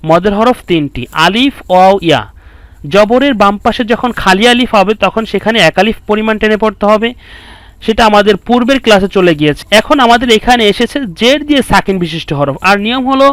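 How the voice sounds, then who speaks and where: High, smooth-voiced man teaching. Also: lively intonation, fairly bright tone, no echo. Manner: slow, drawn-out syllable drills; patient step-by-step explaining. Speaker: Quran teacher. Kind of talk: online Quran reading lesson.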